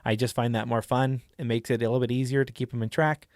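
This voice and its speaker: This young dungeon master and YouTube host has a medium-pitched, slightly mellow voice, speaking quickly with a flat delivery. His relaxed tutorial is chatty and hands-on, peppered with likes and you-knows, captured in studio quality with no echo.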